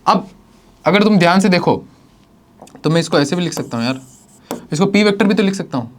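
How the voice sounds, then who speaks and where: A man's voice: high-pitched, lively intonation, fairly quick, a little hiss or hum. A man, teaching physics in a lecture and working through each step. He asks questions and answers them himself, and he calls his students "bhai sahab" and "beta". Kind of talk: classroom lecture at a board.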